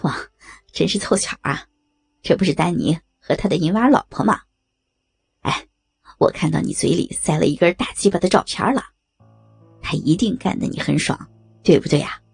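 A crude male thug sneers and jeers in an erotic audio story, as a woman reader puts him on. The voice is low and gravelly with a rough husky edge, and the pitch swings widely as he mocks. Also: huge pitch swings, normal speed, long pauses, faint music behind, full character voice. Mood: jeering. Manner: mocking, leering taunts.

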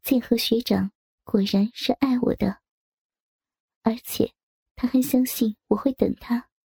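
A woman tells a first-person audio story in a soft, intimate voice. Her tone is dark and mellow, with a gravelly, husky grain. Faint music plays beneath her narration. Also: fairly high pitch, steady tone, measured pace, no room sound, clean studio sound.

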